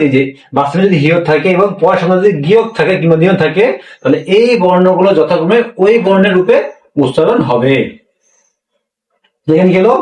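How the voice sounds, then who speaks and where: A man's high, slightly mellow voice leads a language lesson on pronunciation rules, step by step. He repeats himself and answers his own questions, in an echoey room with the mic far off.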